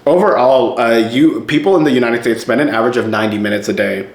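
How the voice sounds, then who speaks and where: A man's voice: medium pitch, fast talker, echoey room. A man in his twenties giving casual commentary as a channel host, chatty, with lots of fillers and repeated words. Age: 20s.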